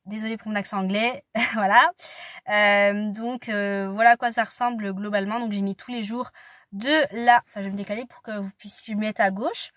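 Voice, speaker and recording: A woman's voice: mid-range voice, steady tone, fairly quick, no room sound. A woman in her twenties, a student vlogger, talking casually to the camera in a chatty, rambling way with apologetic asides. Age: 20s. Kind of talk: casual vlog chat to camera.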